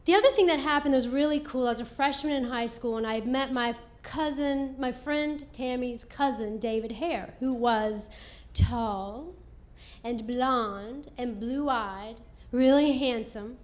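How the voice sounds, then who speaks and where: A woman doing stand-up comedy, telling a self-mocking story in an animated way on a comedy club stage. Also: a little high, unhurried. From American South.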